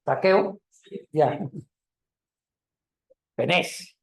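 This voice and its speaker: A woman teaching a Bible class, lively, calling on students by name and joking as she explains. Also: low voice, drawn-out words, distant mic. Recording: echoey classroom.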